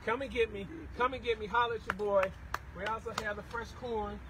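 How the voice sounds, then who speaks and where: Standing at his tented street-side farm stand, this middle-aged vendor hosts a casual livestream, pushing his goods with a brisk, steady-toned, enthusiastic and repetitive pitch. The sound comes from a handheld phone at roughly arm's length, so the outdoor audio is noisy.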